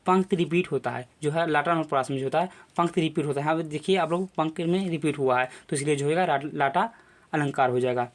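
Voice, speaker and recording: A man's voice: fairly high pitch, fast talker. A young adult male teacher giving a classroom lecture video, explaining step by step with lots of repetition and filler phrases.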